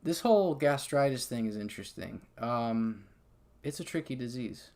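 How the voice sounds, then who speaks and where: Gravelly-voiced man telling his story. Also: mid-range voice, normal speed. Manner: animated, conversational, heavy fillers like "okay?" and "like". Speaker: patient sharing his story. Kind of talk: casual first-person storytelling.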